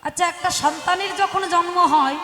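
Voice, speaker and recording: Female kirtan preacher, very high pitch, dramatic and questioning, long hall reverb. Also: brisk. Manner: addresses the audience as mothers, asks questions; dramatic swings from soft to loud. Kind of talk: devotional kirtan sermon. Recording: echoey hall with music behind. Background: instruments playing.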